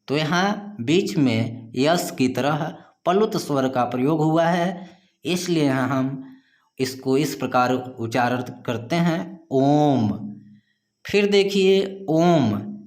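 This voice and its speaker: A man with a voice on the high side teaches a grammar lesson, explaining slowly and patiently and frequently reminding students to pay attention.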